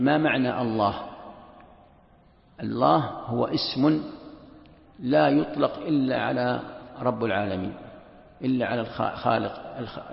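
Gravelly sheikh teaching. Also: male voice, mid-range voice. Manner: explanatory, repeats key phrases, asks and answers own questions. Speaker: Islamic scholar teaching tafsir. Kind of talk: classroom lesson commentary. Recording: echoey, dull lo-fi hall recording.

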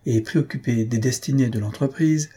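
A man reading a novel aloud with steady, measured storytelling. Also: mid-range voice, slightly rough. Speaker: reader.

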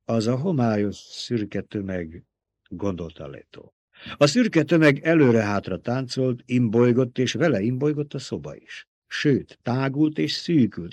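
A man's voice: a little mellow, no room sound. A man reading a novel aloud as an audiobook, lifting his voice for the characters' lines. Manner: voices characters by raising pitch and volume in dialogue. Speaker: audiobook narrator.

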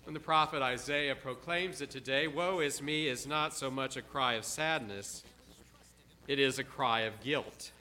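Preacher, male, bright forceful tone, dramatic sermon delivery with emphatic repetition. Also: mid-range voice. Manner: dramatic, repeats words for emphasis, slows on quiet phrases.

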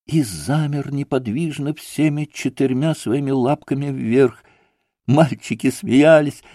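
A man narrating a classic novel in a measured, deliberate storytelling manner. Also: medium pitch, dark tone, no room sound, clean studio sound. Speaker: audiobook narrator. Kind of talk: scripted literary narration.

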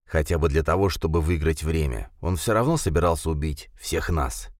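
A man playing a hoarse, dying old scientist. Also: very deep voice, normal speed, no echo, studio quality. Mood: gentle. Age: older. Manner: hoarse, gentle, often whispering. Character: old dying male scientist, a gentle grandfather.

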